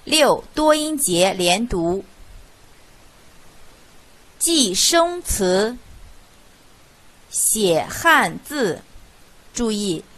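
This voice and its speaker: A woman teaching Chinese pronunciation, reading drill words one at a time with clear, deliberate enunciation and pauses between them. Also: mid-range voice.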